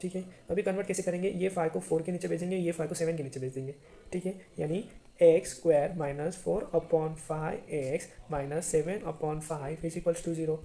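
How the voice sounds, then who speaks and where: A man's voice: a little high, fairly even intonation, normal speed, mellow. A man teaching a math lesson to students, chatty and often checking if they understand.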